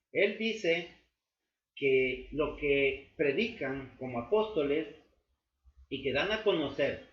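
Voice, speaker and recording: A man teaching a Bible study class, explaining slowly with many fillers and restatements. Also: on the high side. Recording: echoey, dull room recording with faint noise.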